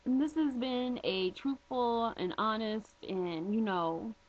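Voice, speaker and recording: A woman's voice: fairly high pitch, slow pace. A woman vlogging a direct-to-camera response, blunt and emphatic, posing pointed rhetorical questions. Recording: dull lo-fi home video audio.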